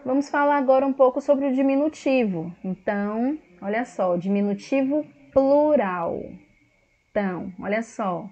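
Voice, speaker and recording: A woman teacher with a Brazilian Portuguese accent, giving a video grammar lesson, slow and explanatory, often checking that students follow. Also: fairly high pitch, animated, warm tone. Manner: slow, explanatory, repeats words and checks with "tá certo?".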